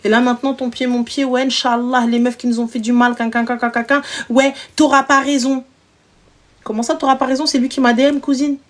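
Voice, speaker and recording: A woman's voice: high-pitched, flat delivery, fairly quick. A woman hosting a live stream, giving blunt, teasing, slangy advice to callers in casual chat.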